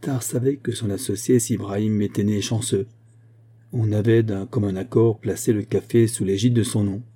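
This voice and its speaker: A male narrator reads a literary story aloud for an audiobook at a measured, even pace. His fairly low voice is very dark and mellow with a husky edge.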